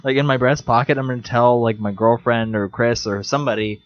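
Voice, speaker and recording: A young man co-hosting a casual podcast, playful and joking, often laughing and jumping into silly high voices. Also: level tone, brisk. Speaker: podcast co-host. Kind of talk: casual chat. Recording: dull lo-fi sound.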